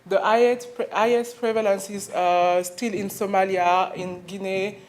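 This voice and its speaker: A woman from Mali with a French accent gives an earnest conference presentation, pausing often as she searches for her words. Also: medium pitch, fairly even intonation, a little mellow. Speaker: conference speaker. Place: university conference room.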